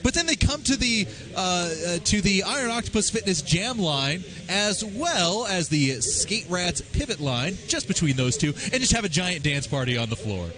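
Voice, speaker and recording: An energetic man commentating a live roller derby game. He talks in a chatty, loose way, full of fillers, and a loud arena crowd carries on behind him. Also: high-pitched, moderate pace, few pauses.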